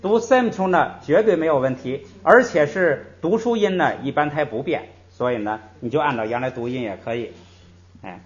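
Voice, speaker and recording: A male language teacher giving a patient lecture, stretching out example syllables and dropping in little interjections between points. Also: a little high. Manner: explains patiently, drawing out example syllables and often saying "hey" between points. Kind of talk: classroom-style lecture. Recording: slightly muffled recording.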